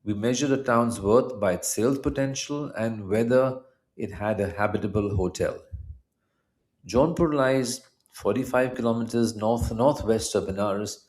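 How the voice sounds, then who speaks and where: In a slightly mellow mid-range voice, a middle-aged Punjabi-speaking man from India delivers a scripted personal essay. He has an Indian accent and keeps his wording measured and formal.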